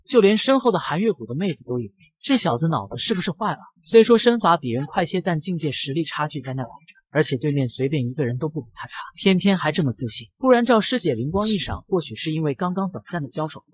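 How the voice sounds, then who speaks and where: A man narrating a comic recap in brisk scripted storytelling. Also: on the high side, sing-song, slightly rough, no echo.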